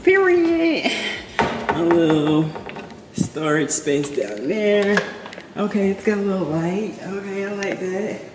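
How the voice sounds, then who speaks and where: With big swings in pitch and a slow pace, a woman vlogger gives a chatty, upbeat tour of her new apartment, filming herself on a handheld camera and saying "boom" and "period" a lot. It's a casual apartment tour vlog inside an empty apartment, where the room sounds echoey and the background is noisy, with music playing behind her.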